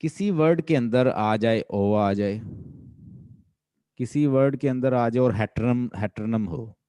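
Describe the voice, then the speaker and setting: A Pakistani man gives a classroom lecture in a low, mellow voice. He speaks at a very unhurried pace and keeps asking his students questions. The sound is dry, with no room echo. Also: clean tone. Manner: drills students with repeated questions. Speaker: linguistics teacher. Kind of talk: classroom lecture mixing Urdu and English.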